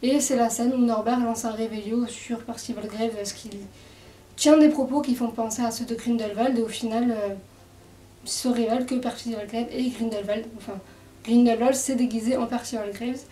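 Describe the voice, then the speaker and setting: A woman's voice: on the high side, fairly even intonation, moderate pace, warm tone, far from the mic, a little hiss or hum. A woman casually presenting a book, hesitant and full of fillers. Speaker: book reviewer. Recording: echoey room, away from mic.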